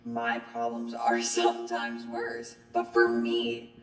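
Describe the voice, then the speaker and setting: A woman's insistent voice run through a clangy robot voice filter that drops it far down in pitch. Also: completely flat delivery, takes it slowly, echoey room, long reverb tail, faint music behind. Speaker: demo voice sample.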